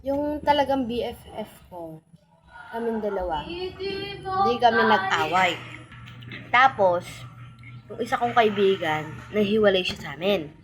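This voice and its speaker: A woman's voice: mid-range voice, poor audio. A young woman vlogger chatting casually to her viewers, telling a storytime and calling them "be" and "guys".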